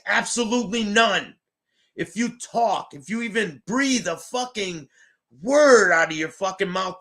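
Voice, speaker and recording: A man's voice: high-pitched, vocal fry, sharp tone. A man hosting a reaction show, tearing into a clip with angry, sarcastic, profanity-heavy commentary. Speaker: host reacting to clips.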